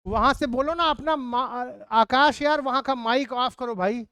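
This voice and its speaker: A teacher in a live online class, leading students through call-and-response recitation and chanting lists and mnemonics slowly. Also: high voice, sharp tone, clear, resonant tone, no echo.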